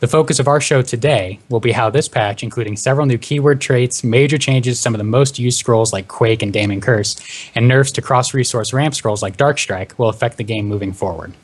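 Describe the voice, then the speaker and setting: A man hosting a gaming podcast panel, introducing guests with brisk, upbeat patter. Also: medium pitch. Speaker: podcast host. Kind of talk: hosted panel discussion.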